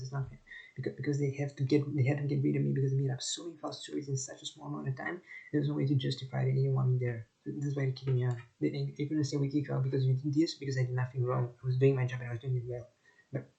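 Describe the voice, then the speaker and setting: A man speaks quickly in a flat, insistent monologue, hammering the same points over and over. His voice is dark and gravelly. The recording is dull and lo-fi. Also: medium pitch. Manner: insistent, emphatic, repeats himself. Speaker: vlogger. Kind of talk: unscripted monologue to camera.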